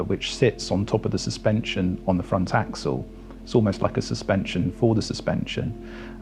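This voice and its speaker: A man giving a product walkaround as a company presenter, speaking in a measured, explanatory way. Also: fairly low pitch, mellow.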